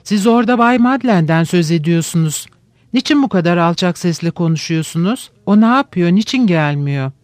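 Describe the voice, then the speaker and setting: Guy doing a sick young woman yelling, hoarse and desperate, high and dry, close up. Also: lively intonation, a little fast, no echo. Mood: desperate demanding. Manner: shouting, harsh and hoarse. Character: gravely ill young woman, desperate and demanding.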